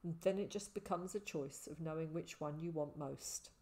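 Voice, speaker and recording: A woman reading the part of a calm older male ranger, speaking quietly and soberly. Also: low voice, normal speed. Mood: gentle.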